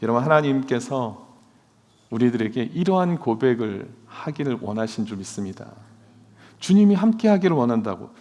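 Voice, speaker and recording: A man's voice: medium pitch, big pitch swings, normal speed, warm tone. Preaching man in an echoing sanctuary. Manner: earnest preaching, asks the congregation questions. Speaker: pastor. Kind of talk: sermon. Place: church sanctuary. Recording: long church hall reverb.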